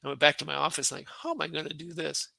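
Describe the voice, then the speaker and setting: A man in his sixties, a retired colonel, telling lively stories as a podcast guest and acting out quotes with laughs. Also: fairly high pitch, racing, gravelly, dry recording, poor audio. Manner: animated anecdotes with laughs and acted-out quotes. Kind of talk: conversational war storytelling.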